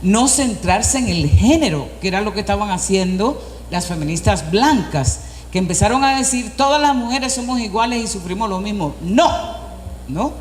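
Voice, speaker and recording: A woman's voice: medium pitch, lively intonation, a little mellow. Woman lecturing in an echoey hall. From Dominican Republic. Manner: measured, explanatory, poses and answers her own questions. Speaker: panelist. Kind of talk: academic panel talk. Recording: echoey hall with faint background noise.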